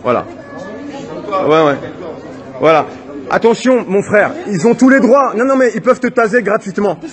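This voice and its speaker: A man with a very high voice shouts outdoors in a city street, pleading with the police and repeating himself. He films on his phone, and a loud crowd can be heard around him on this amateur video. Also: expressive, normal speed. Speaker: bystander filming an arrest. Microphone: phone camera held while filming. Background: crowd of onlookers.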